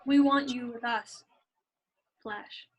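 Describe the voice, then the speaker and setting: A woman's voice: fairly high pitch, fairly even intonation, takes it slowly. A woman playing a gracious, supportive superhero at a table read, speaking with assurance.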